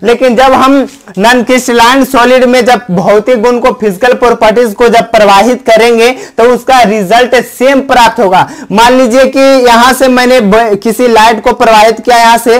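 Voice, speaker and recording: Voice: mid-range voice, steady tone, moderate pace. A teacher giving a chemistry lecture who keeps asking questions, answers them, and checks whether the class has understood. Terms are repeated and restated in two languages. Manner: repetitive, explains terms twice in two languages.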